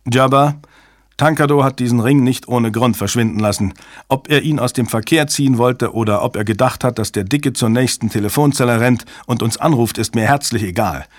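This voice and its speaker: A man voicing a forceful male agency director who speaks with emphatic authority. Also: medium pitch, a little fast, no echo, lightly acted. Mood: commanding. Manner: commanding, emphatic.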